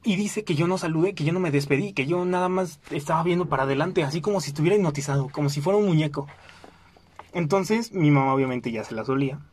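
A young man with a Mexican Spanish accent, telling a funny personal story in a casual, animated way. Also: a little high, fast. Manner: animated, acts out quoted voices, frequent fillers. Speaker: podcast host.

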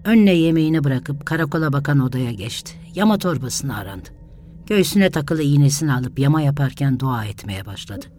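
A reader narrating a village story in a calm, even storytelling manner. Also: mid-range voice, a little fast, slight background noise.

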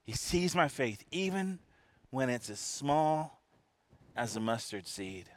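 A man's voice: mid-range voice, very animated, takes it slowly. A man preaching a sermon as a pastor, earnest, often restarting and repeating his words.

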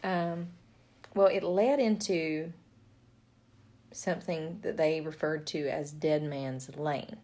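Podcast co-host, woman, lowish voice, casual joking book chat. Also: steady tone, slow, dark tone. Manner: chatty, joking, laughs often. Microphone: podcast mic.

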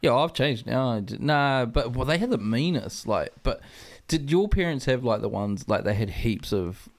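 A man's voice: mid-range voice, expressive, moderate pace. A man co-hosting a podcast in casual chat, joking and firing off rambling questions. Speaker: podcast co-host.

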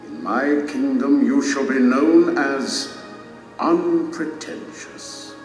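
A man's voice: medium pitch, slow pace, recorded from a distance, natural voice. Man playing a majestic, merciful king in a vast hall. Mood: solemn, benevolent. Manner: stately, formal, proclaiming. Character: majestic male king and judge, merciful, loving, solemn. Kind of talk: dramatic audio drama acting. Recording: cavernous echoing hall, music underneath.

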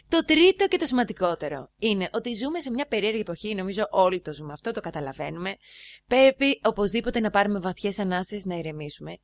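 Woman, vlogger, casual storytelling, animated asides to viewers, slightly high voice, dry close sound. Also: no room sound. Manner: chatty, animated retelling with frequent asides to the audience.

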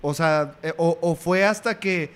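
A man, hosting a casual live interview in a relaxed, joking way. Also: a little high, unhurried, smooth. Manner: relaxed, joking, laughs easily. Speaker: host.

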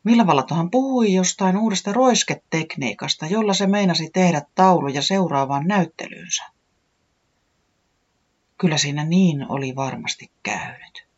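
A storyteller reading a children's story aloud with expressive narration. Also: mid-range voice, slightly rough, highs cut off.

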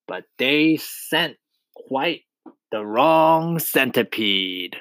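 A man's voice: medium pitch, expressive, drawn-out words, fairly bright tone, dry recording, pitched above the performer's own voice, heavily acted, rough recording. Man doing a gleeful boasting centipede. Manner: sing-song, gleeful and showy. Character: boastful exuberant male centipede. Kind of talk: storybook read-aloud.

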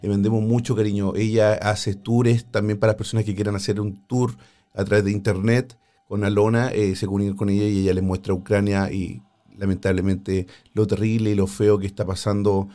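A man's voice: on the low side, little pitch movement, a little fast, dark tone. A Chilean man hosting a live stream, chatting with guests in a hesitant way, with many fillers and restarts. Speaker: host of a live paranormal stream.

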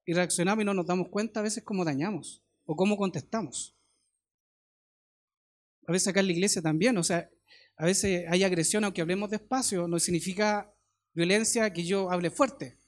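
A high-voiced, middle-aged preacher from Chile talks through his sermon informally, telling homely stories and firing off quick questions at those listening.

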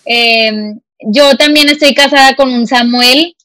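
A woman's voice: sits high, takes it slowly, pushed and bright, dry recording, clean studio sound. A woman in her twenties with a northern Mexican accent from Monterrey, chatting effusively and emphatically as a podcast guest. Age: 20s. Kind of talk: casual conversational interview. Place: remote call recording.

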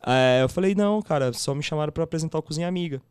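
Animated Brazilian chef telling stories. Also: male voice, fairly high pitch, very fast, clear, resonant tone, no room sound. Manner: animated, acts out quoted dialogue with slangy fillers. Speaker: chef and TV cooking show host, podcast guest. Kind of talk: casual storytelling chat.

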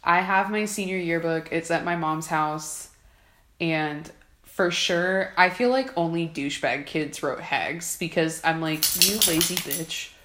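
A woman's voice: low voice, a little slow, reverberant, slight background noise. A woman co-hosting a podcast in casual chat, talkative and acting out quotes from people in her stories. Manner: chatty, animated storyteller acting out quotes. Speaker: podcast co-host.

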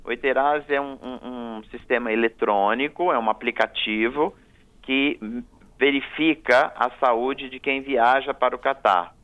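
A man's voice: mid-range voice, fairly even intonation, unhurried. A man, a guest on a radio talk show, giving firm, repetitive explanations of travel rules. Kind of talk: radio interview. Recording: tinny phone line on radio.

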